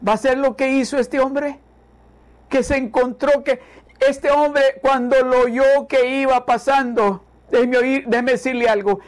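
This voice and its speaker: Guy preaching w a really high voice, slow and fervent, keeps repeating lines and having folks say it back. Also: steady tone. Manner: fervent, repetitive, calls listeners to repeat after him. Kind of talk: sermon.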